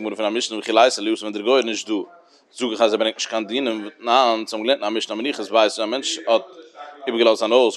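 Man giving lesson. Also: mid-range voice. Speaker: Talmud teacher. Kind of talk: Talmudic study lecture.

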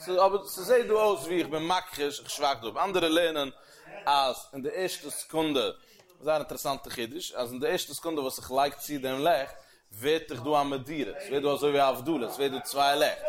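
A man giving a Talmud lecture as a religious teacher, animated, with sweeping rises and falls in pitch. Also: normal speed. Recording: crowd heard behind the voice. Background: crowd murmur.

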